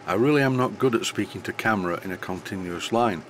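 Recorded on a high-end studio mic with a touch of hiss or hum, an older man from northern England speaks quickly in a softened accent. A model engineering tutor, he gives a relaxed, unscripted workshop voice-over with a slight stutter.

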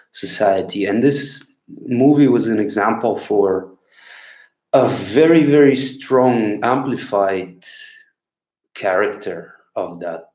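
A Bulgarian-accented English speaker in his thirties from Bulgaria, whose voice sits on the low side and is a little mellow, answers viewer questions as a clown. Speaking casually to his laptop webcam at a desk in a small room at home, he rambles unhurriedly and pauses to search for words. The room sounds echoey on the laptop mic.

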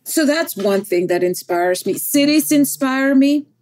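A middle-aged Salvadoran poet, a native Spanish speaker, talks reflectively as a podcast guest in a high-pitched, expressive, somewhat mellow voice. She takes her time, repeats words, and frequently tags on "right?"

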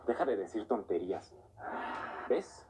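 A man's voice: lowish voice, sing-song, a little slow, noisy background. An actor with a Mexican accent playing a guarded, hurt young man who performs as a street clown in a TV drama. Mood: wry, irritated. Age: young adult.

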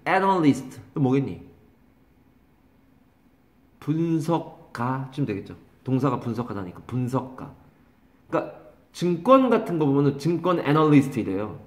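A man teaching English vocabulary to a class, drawing out pronunciations slowly and teasing and scolding his students. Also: medium pitch, big pitch swings. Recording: echoey classroom.

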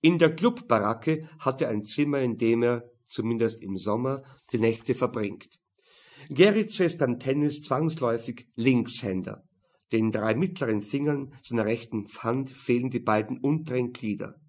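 A male audiobook narrator reads a crime novel from a script, his mid-pitched voice rough and husky. He speaks at normal speed with a dry, matter-of-fact delivery.

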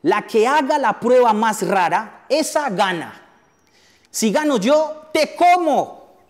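A man's voice: very high voice, sing-song, takes it slowly, pitched above the performer's own voice, exaggerated voice. A man voicing a taunting, mocking female snake who gloats over her prey. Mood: scheming. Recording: echoey hall, faint music.

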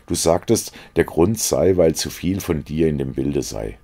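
Guy reading a sly cynical young lord, super deep gravelly voice, languid and teasing. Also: lively intonation, unhurried, dark tone, heavily acted. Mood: amused, teasing. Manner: languid, mocking, epigrammatic. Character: witty cynical young aristocratic gentleman.

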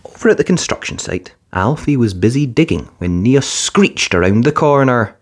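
In a mid-range voice at normal speed, a narrator expressively reads aloud from a children's picture book.

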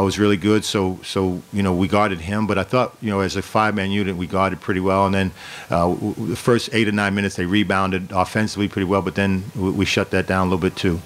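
A middle-aged man, a head basketball coach, answering questions at a post-game press conference in a measured way, often repeating words as he restarts, speaking into a desk microphone. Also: on the low side, fairly bright tone. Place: press room in front of a sponsor backdrop. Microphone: desk microphone on a stand.

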